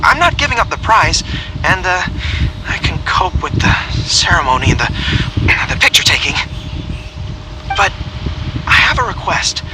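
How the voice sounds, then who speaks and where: A man's voice: high voice, big pitch swings, normal speed, long pauses, heavy background noise. A man voicing a dutiful, earnest young general in an anime-style game, often hesitant and stammering. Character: flustered, dutiful young army general with fox-like tail. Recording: game music behind.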